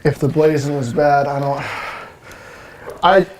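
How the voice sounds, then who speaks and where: A man's voice: on the high side, steady tone, unhurried, a little hiss or hum. Young man hosting a hot sauce challenge. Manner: coughing and gasping from spicy food. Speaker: host.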